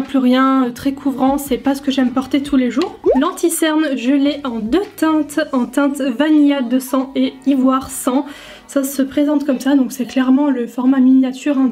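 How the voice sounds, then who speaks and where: A woman's voice: sits high, warm tone. A young French woman chatting casually through a makeup review, thinking aloud with lots of fillers. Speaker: beauty vlogger.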